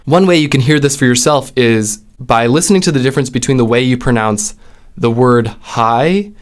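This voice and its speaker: A man giving an explanatory lesson on speech sounds. He speaks deliberately and draws out example words and vowels to demonstrate them. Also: mid-range voice. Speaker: linguistics video host.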